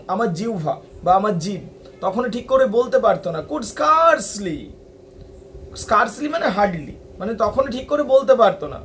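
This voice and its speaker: A man teaching a poem, reading each English line very slowly and then explaining it in Bengali. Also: high voice, a little hiss or hum. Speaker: literature teacher.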